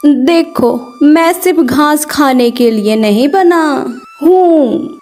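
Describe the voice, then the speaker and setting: A woman's voice: sits high, lively intonation, slow, a little mellow, faint music behind. Woman doing a fussy cartoon donkey. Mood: proud. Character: clever fussy male donkey.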